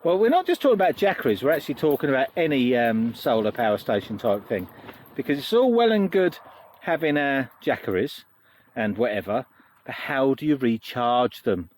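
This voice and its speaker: A man's voice: mid-range voice, very animated, normal speed, darkish tone, a little hiss or hum. A British man chatting casually and jokily through a camping vlog, showing off a tent. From United Kingdom. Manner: jokey, chatty, laughs often. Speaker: vlogger giving a tent tour. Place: inside a large tent at a campsite.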